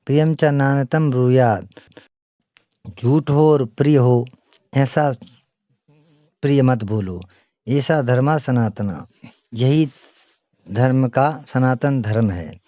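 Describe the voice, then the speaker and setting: Slow, mellow man explaining verses. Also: mid-range voice, dry recording, lo-fi sound. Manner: recites a verse, then explains it line by line. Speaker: teacher.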